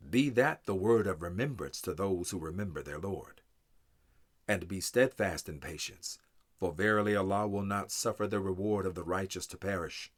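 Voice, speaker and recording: This scripture reader is a man whose voice sits on the low side. He reads in English with solemn, measured delivery, each deliberate phrase beginning strongly before trailing off.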